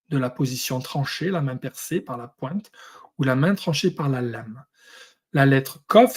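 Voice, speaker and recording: A man teaching a lesson, going through Hebrew and Greek words one at a time with many pauses. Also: on the high side, husky. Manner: explains word by word, pausing often. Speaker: Bible teacher.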